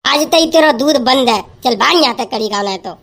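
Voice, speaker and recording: Woman, high-pitched, loud scolding comic banter. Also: lively intonation, a little fast, creaky. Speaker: comedy sketch performer. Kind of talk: rustic village comedy sketch, playing several roles.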